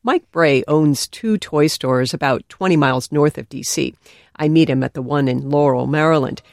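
A woman's voice: low voice, normal speed, gravelly, darkish tone, no echo, clean studio sound. A woman narrating a scripted news feature as a radio reporter.

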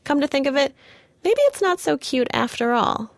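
A woman's voice: high-pitched, expressive, moderate pace, creaky, dry recording, studio quality. A woman hosting a children's science show, speaking in a presenting style. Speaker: host.

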